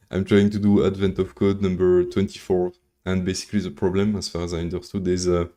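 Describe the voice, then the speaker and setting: Low, flat and dark, this coding livestreamer's voice belongs to a French-speaking man from Belgium. On his casual stream he muses aloud, works through formulas at a slow pace, and slips in deadpan jokes.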